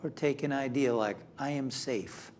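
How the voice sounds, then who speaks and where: Male meditation leader, very unhurried and calm, medium pitch, leaving long pauses, with instrumental music underneath. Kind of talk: guided meditation, spiritual affirmations. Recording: music behind the voice.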